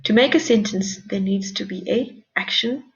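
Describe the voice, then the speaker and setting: Woman teacher, patient and encouraging, gravelly voice, dull lo-fi recording. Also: medium pitch, moderate pace. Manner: patient, encouraging, explains step by step. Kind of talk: recorded grammar lesson.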